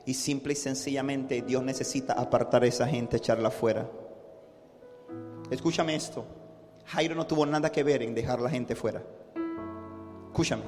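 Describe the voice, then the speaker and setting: Preaching man in a reverberant hall. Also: mid-range voice. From from a city. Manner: storytelling preacher, acts out voices, builds to shouting. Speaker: pastor. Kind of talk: sermon. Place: church.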